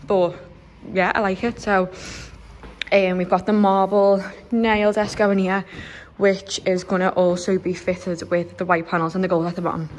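A young woman from Liverpool, a nail salon owner, chatting excitedly with lots of fillers as she films a walkthrough of her salon under renovation on her phone. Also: mid-range voice, a little hiss or hum. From Liverpool, England. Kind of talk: walkthrough vlog.

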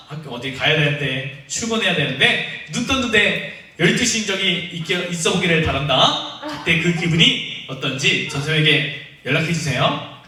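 Lively young man teaching kids in an echoey room. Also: fairly high pitch, slight background noise. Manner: playful, teasing, talks directly to kids by name. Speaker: children's ministry teacher. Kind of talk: online Sunday school lesson for children. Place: church room. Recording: echoey, distant from the mic.

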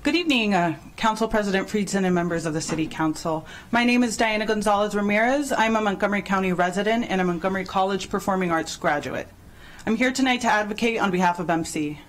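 A young woman from El Salvador reads her testimony aloud at a council hearing. Her delivery is composed and steady, spoken into a desk microphone in a large chamber. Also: medium pitch, fast, slight background noise, low-quality recording. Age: young adult. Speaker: public hearing speaker, college graduate. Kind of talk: prepared public testimony read aloud. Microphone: desk microphone on a stand.

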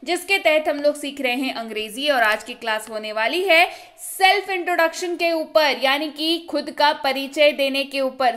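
A young woman, her voice high and bright, teaching spoken English over lesson slides. She asks questions and answers them herself, and she repeats each example slowly. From India. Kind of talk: online video lesson.

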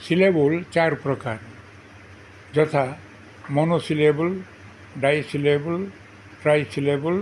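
A man teaching a grammar lesson, repeating each definition slowly and spelling words out syllable by syllable, with faint noise behind him. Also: fairly high pitch, fairly even intonation, a little mellow, rough recording. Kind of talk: slow dictation-style grammar lesson.

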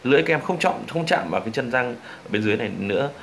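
A young man from Vietnam with a Vietnamese accent, teaching English pronunciation and slowly demonstrating and repeating drill words. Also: medium pitch, lively intonation, a bit bright, slight background noise.

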